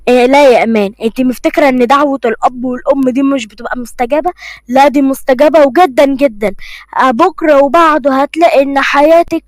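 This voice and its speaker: A woman putting on a grim, older Egyptian country father in a cartoon story. He speaks slowly and heavily, and every word lands as a threat. The recording is dry and close. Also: very high voice, no echo. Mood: threatening. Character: stern rural Egyptian father, older, cursing his daughter.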